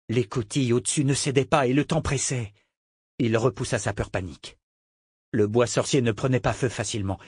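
A man giving steady, scripted narration of a fantasy audiobook. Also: medium pitch, no echo, clean studio sound.

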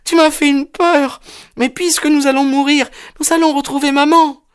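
A chatty little girl, innocent and full of questions, played by a woman in an audiobook. Her voice sits high and light, tumbling from one eager thought to the next. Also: fairly even intonation, normal speed, natural voice. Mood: cheerful. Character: small chatty innocent girl lost in the desert. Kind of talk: audiobook character voicing.

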